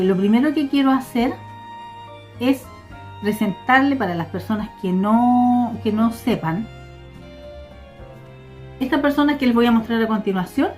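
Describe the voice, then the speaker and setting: A woman with a Chilean accent tells a personal story slowly and reflectively, with many hesitations. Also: on the high side, darkish tone. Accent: Chilean Spanish. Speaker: vlogger.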